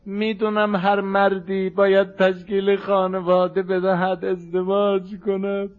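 High-voiced man chanting mournful recitation. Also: completely flat delivery, phone-quality sound. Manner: plaintive, turns to tearful chanting.

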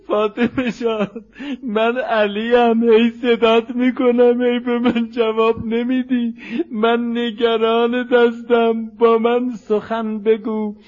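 Guy with a high narrow-range voice doing a tearful mourning chant, dull lo-fi sound. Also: level tone. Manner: plaintive, turns to tearful chanting. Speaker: mourning reciter. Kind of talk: Shia mourning recitation, half chanted.

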